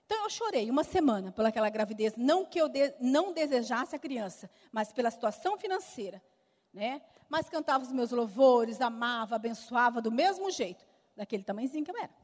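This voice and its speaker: A middle-aged woman with a Brazilian Portuguese accent sharing a personal testimony with lively storytelling and acted-out dialogue, in a church hall. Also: a little high. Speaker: speaker giving a testimony. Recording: long reverb of a large hall.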